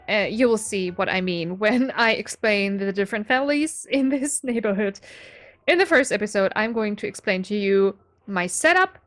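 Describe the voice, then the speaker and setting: Medium-pitched and a bit bright, the voice belongs to a twenties-aged gaming video creator with a German accent. She walks through her game setup in a relaxed, talkative way, frequently laughing and making self-deprecating remarks.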